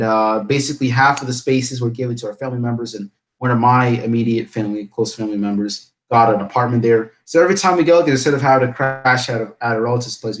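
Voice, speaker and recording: A young man from Bangladesh talks on a live stream in a loose, rambling way. His pitch sits in an ordinary middle range, he laughs often, and he restarts his sentences as he goes. The sound is a plain home computer microphone. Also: rough recording. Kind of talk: casual live stream chat. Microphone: computer mic, camera off.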